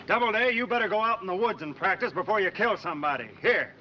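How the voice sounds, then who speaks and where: An actor playing a stern, dry army officer in a 1940s comedy film, formal, clipped and commanding. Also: male voice, high-pitched, fast, close to an everyday voice. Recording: very noisy, muffled old film soundtrack.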